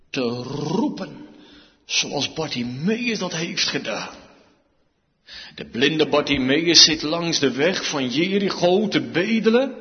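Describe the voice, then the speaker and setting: A man preaching a sermon, slow and emphatic, his voice swinging widely in pitch and loudness. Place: church. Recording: dull sound with long reverb, church hall.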